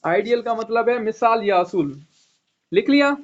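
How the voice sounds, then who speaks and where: Teaching English vocabulary online, this man speaks in a very high, animated voice at a moderate pace. Each word gets spelled letter by letter, "okay" comes up again and again, and the recording sounds dull and lo-fi.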